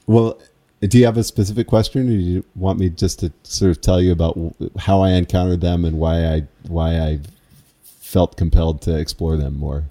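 Speaking at a normal speed with a low, dark voice and fairly even intonation, a man recalls learning to call square dances. The casual interview meanders, and he sounds reflective and amused at himself.

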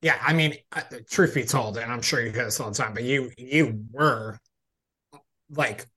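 A man's voice: mid-range voice, moderate pace, bright, forceful tone, breathy edge. Rambling man in his forties hosting. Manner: rambling, lots of "like" fillers. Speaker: host. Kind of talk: interview chat.

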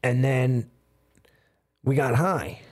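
A man's voice: mid-range voice, drawn-out words. A man telling a long, rambling story in casual chat, swearing freely and filling his sentences with "like" and "um.". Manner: rambling storyteller, heavy swearing and many fillers. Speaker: podcast guest telling a story.

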